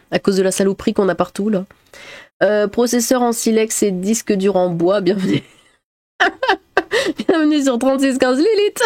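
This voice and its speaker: A woman's voice: medium pitch, a little mellow, dry recording, studio quality. A woman YouTuber reading viewer comments aloud in casual chat, laughing often and swearing in chatty asides.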